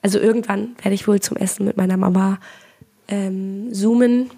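A woman in her twenties speaks at an average female pitch with a husky smoker's rasp, sounding hoarse. She chats casually on a podcast in a jokey, self-ironic way. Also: fairly even intonation, normal speed, mellow. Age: 20s. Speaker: podcast co-host.

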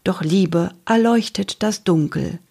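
A woman reading aloud plays a jolly, round older man in a children's audiobook, who speaks slowly and solemnly in flowery phrases. The voice has a slightly breathy tone. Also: fairly low pitch, dark tone, exaggerated voice. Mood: romantic.

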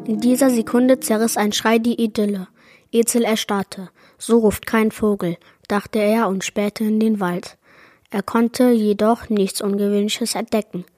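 A woman reading aloud a chapter of a children's fantasy adventure book in a measured narrating manner. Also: mid-range voice, steady tone, darkish tone, no echo, studio quality. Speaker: book reader. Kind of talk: storybook read-aloud.

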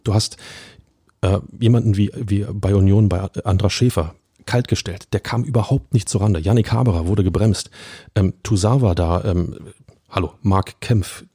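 A man's voice: low voice, moderate pace, mellow, slightly rough, no room sound, studio quality. A man chatting casually about football as a pundit on a podcast, emphatic and colloquial, speaking straight to his listeners. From Berlin.

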